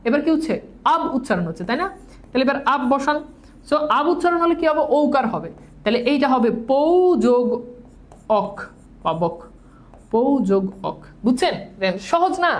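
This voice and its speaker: A woman with a slightly high voice teaches grammar in a classroom lecture. She leads students through call-and-repeat drills and drops English words into her explanations. She corrects her own slips patiently as she goes. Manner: mixes English words into speech.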